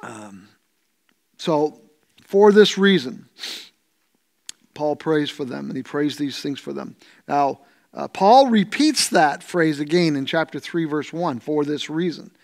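A middle-aged man with a Canadian accent teaches through a scripture passage as a pastor, his voice sitting fairly high. He talks in a thoughtful, searching way, with fillers and restarts. He sits in a church studio with a lapel mic. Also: lively intonation, slow, long pauses, darkish tone. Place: church studio set, seated in armchair.

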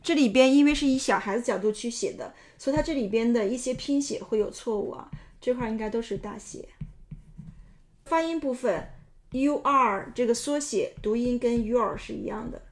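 A woman's voice: a little high, normal speed. Methodical woman pronunciation instructor. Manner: methodical, explains step by step. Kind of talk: explanatory lesson narration.

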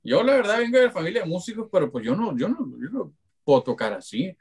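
Halting man co-hosting a podcast. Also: sits high, big pitch swings, husky. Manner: halting, repeats words while searching. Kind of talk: casual interview chat.

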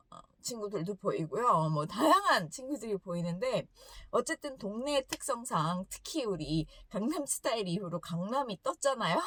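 Female English-lesson host: animated storyteller, lively intonation, frequent laughs, dry close sound. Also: fairly high pitch, dry recording. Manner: animated, laughs often between sentences.

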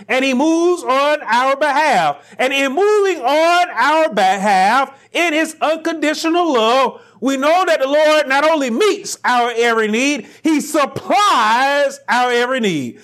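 A pastor with a high-pitched voice preaches slowly and deliberately, letting each phrase land. He climbs to near shouts when he stresses a point. He is recorded on a lapel mic in a small church room. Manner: rising to near shouts on emphatic lines, slow deliberate phrasing. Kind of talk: sermon.

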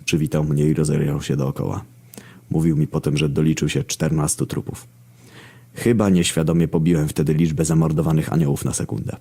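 A man narrating a first-person story in a deadpan, heavily profane manner. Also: extremely low pitch, a little fast, vocal fry, slightly rough.

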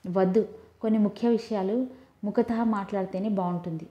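A woman voicing a brisk, teasing young woman who scolds her heartbroken friend in an audiobook. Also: medium pitch, steady tone, lo-fi sound, natural voice. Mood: bossy. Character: young woman, bossy and caring best friend. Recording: roomy echo.

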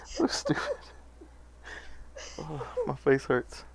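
A woman's voice: sits low, vocal fry, slight background noise. A woman streaming an online game with a friend, laughing a lot and swearing freely in casual chat. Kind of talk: casual chat while gaming.

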